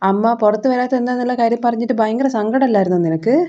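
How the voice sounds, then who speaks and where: A woman voicing a hot-tempered young husband who makes demands, read out in a quick recap. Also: a little high, muffled recording, natural voice. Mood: angry. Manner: demanding, forceful.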